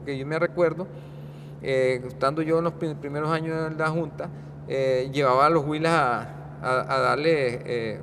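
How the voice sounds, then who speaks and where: A man in his sixties from Guanacaste with a Guanacaste Costa Rican accent, a guest talking in a casual interview, rambling and halting with many restarts. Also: a little high, fairly even intonation, noisy background. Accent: Guanacaste Costa Rican Spanish. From Costa Rica, Guanacaste. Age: 60s.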